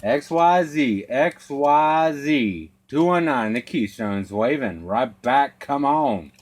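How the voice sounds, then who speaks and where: A man working as a CB radio operator calls out call signs and slang in clipped, repetitive patter while making contacts. His medium-pitched voice is expressive and slow, heard over a noisy CB channel with static and radio noise behind it.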